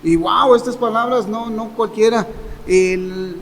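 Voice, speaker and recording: High-voiced Mexican man teaching scripture. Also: slow, fairly bright tone, big-room sound. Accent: Mexican Spanish. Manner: conversational, with rhetorical questions and acted quotes. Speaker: Bible teacher. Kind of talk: Sunday morning Bible teaching.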